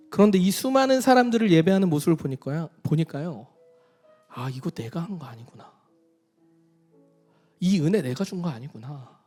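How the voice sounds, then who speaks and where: Male pastor, middle-aged, high and animated delivery, sermon with faint music bed. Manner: swings between hushed near-whispers and raised emphatic preaching; acts out quoted voices in his own voice.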